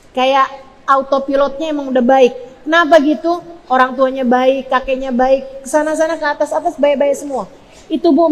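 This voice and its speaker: A woman in her forties from Indonesia, preaching to mothers with emphatic, repetitive phrasing that climbs toward near-shouting. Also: sits high. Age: 40s. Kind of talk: religious lecture to women. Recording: long hall reverb.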